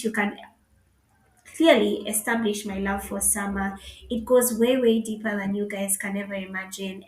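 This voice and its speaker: A woman's voice: mid-range voice, echoey room, a little hiss or hum. A woman in her thirties with a Kenyan accent, hosting her own podcast in a chatty, playful solo talk with joking asides. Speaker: podcast host. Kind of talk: casual solo podcast chat.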